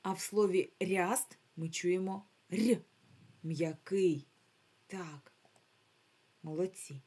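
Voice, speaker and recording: Woman, primary teacher, remote phonics lesson; a low, mellow, husky voice, unhurried and carefully articulated. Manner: slow, carefully drawn-out words, modeling sounds for children.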